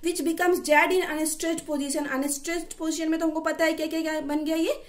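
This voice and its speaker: A woman teaching a linguistics lesson, reading English lines slowly and then explaining each one. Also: very high voice, level tone.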